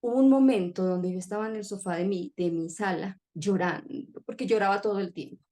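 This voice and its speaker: Woman guest, heartfelt testimony, soft mellow voice. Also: medium pitch, fairly quick. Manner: emotional, earnest storytelling. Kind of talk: personal testimony in conversation.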